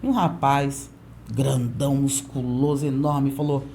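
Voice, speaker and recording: A woman pastor in her forties, a podcast guest telling a lively testimony and acting out the voices of people in it. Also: a bass voice, measured pace, slight background noise. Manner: lively storyteller who acts out quoted voices. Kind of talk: storytelling testimony in a podcast interview.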